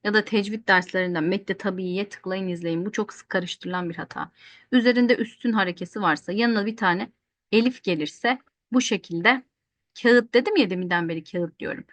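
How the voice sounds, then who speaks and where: A woman with a medium-pitched voice teaches Quranic recitation rules in an online lesson, speaking at normal speed with no room sound. She explains patiently, repeats the rules often and asks questions she then answers herself.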